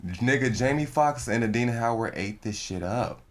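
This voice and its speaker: A man's voice: mid-range voice, lively intonation, moderate pace. An American man co-hosting a show in casual banter. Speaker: show co-host.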